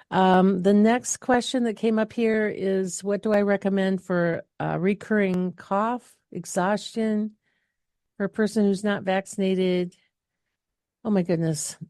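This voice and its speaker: Her voice is warm and medium-pitched, recorded cleanly in a studio with no echo. She's a middle-aged health clinic host fielding viewer questions in a relaxed live session, rambling chattily with lots of fillers and false starts.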